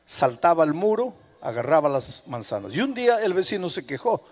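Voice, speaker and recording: An older male pastor telling a story in a sermon, dramatic, swinging from hushed to emphatic. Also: on the high side, big pitch swings, fairly quick, in a large hall.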